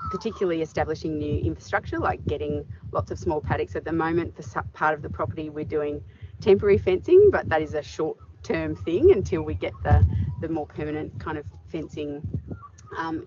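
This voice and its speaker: A middle-aged woman farmer answering interview questions outdoors in a paddock, thoughtful and full of fillers. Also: low-pitched. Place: open farm paddock outdoors. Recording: dull audio with clear background noise.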